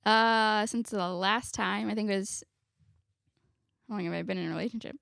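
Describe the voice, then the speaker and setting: Gravelly-voiced woman in her twenties. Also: medium pitch, fairly even intonation, moderate pace, fairly bright tone, dry recording, clean studio sound. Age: 20s. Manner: chatty, laughs often, backtracks mid-sentence. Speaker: podcast guest. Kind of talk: casual family podcast chat.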